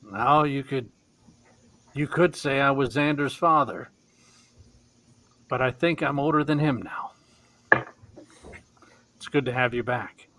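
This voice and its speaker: A man voicing a weary, kindly older man in a put-on old voice for a tabletop game, measured and earnest. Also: mid-range voice, fairly bright tone, a little hiss or hum. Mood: weary, warm. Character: weary, kindly older man, aged by lost life force. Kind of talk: tabletop role-play.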